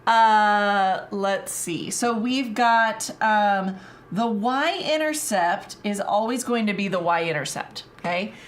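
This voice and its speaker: A woman's voice: medium pitch, slow. A woman tutoring math live, talking casually with lots of fillers. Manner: casual, chatty, many fillers.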